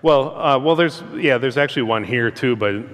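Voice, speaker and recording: A man giving a public talk as a transportation engineer, amplified through loudspeakers, speaking in a conversational, hesitant way and asking the audience questions. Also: medium pitch, normal speed. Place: large hall. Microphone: handheld or stand microphone into a PA system. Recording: reverberant hall, heard through loudspeakers.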